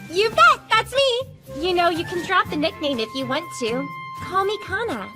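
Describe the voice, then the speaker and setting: A very high, bubbly anime girl. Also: moderate pace. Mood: bubbly affection. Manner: gushing, expressive. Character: bubbly, girlish, affectionate well-off teenage daughter. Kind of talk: English anime dub acting. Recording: music behind the voice.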